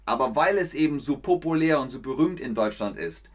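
A man with a Rhineland German accent, hosting a casual livestream lesson and explaining things slowly, with repeats of key sentences. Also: mid-range voice, lively intonation. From Cologne, Germany. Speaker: German teacher, livestream host.

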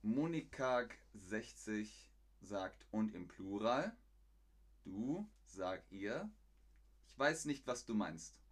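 A man giving a German lesson on a live stream, his voice swinging widely in pitch. He talks in a slow, deliberate way, repeating simple phrases for learners. Now and then he snaps out a sharp, loud command as an example. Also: sing-song. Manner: slow, simple, repetitive phrasing for learners, reads chat aloud.

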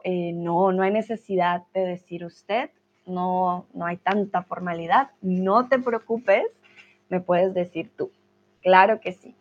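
A Colombian woman runs a live online class in a friendly, encouraging way. She speaks slowly and spells things out with care, at a mid pitch. The sound is dull and lo-fi, like a video call. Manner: friendly, encouraging, slow and clear. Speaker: teacher.

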